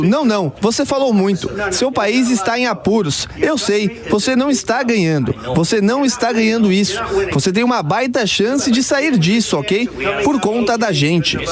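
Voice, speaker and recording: A Brazilian man narrates a news report in a steady, measured read. His voice sits unusually high for a man. The sound is dry and close, with no room around it. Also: no echo. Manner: reads translated quotes in a measured way.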